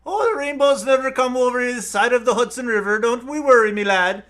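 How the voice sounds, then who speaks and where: A man's voice: very high voice, brisk, a bit bright, pitched above the performer's own voice. A man doing a jolly leprechaun, put-on brogue. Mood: hearty. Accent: put-on Irish. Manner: hearty, exaggerated brogue. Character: jolly male leprechaun with fake Irish brogue.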